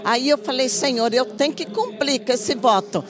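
A woman's voice: high voice, expressive, moderate pace, a crowd in the background. A woman giving a devout, grateful church testimony in simple words. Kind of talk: spoken testimony.

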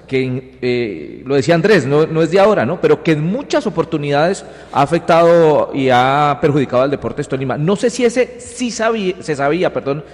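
A man's voice: on the high side, expressive, a little fast, few pauses, big-room sound. A man speaking as a football panelist, giving firm opinions and correcting himself mid-sentence. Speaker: sports panelist.

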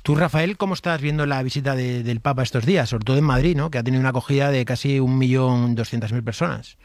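A man's voice: medium pitch, quick pace, darkish tone, no room sound, clean studio sound. A man chatting playfully on a radio show, presenting online clips. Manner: playful, joking. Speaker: radio contributor. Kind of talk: casual radio chat.

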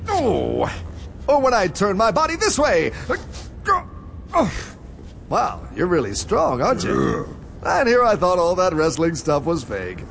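Earnest, pompous superhero for cartoon parody: slightly high, lively pitch, faint background noise. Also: male voice, moderate pace, gravelly, full character voice. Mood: straining bravado. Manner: pompous, declamatory, wordy. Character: pompous, earnest, dim-witted male superhero. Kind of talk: superhero cartoon parody audio drama acting.

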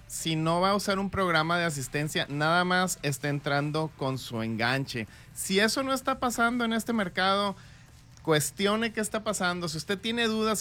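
A man's voice: a little high, a bit bright. A man giving persuasive spoken advice on a radio show as a real estate adviser.

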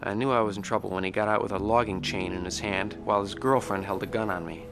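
A man's voice: fairly low pitch, steady tone, fast talker, creaky, heavy background noise. An actor playing a troubled war veteran and addict, telling his story in an earnest, reflective, conversational way. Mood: reflective, regretful. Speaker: narrator and lead actor. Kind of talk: dramatized first-person testimony narration. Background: music.

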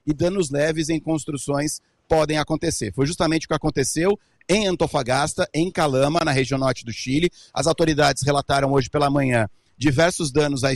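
A man's voice: on the high side, no room sound. A male correspondent explaining a news event precisely in a live report.

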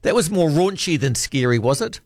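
A man's voice: on the high side, very animated, moderate pace, dry recording, clean studio sound. A man hosting a late-night talkback radio show, chatting and bantering with callers. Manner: chatty, warm-hearted banter, restarts. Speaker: radio host. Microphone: studio microphone.

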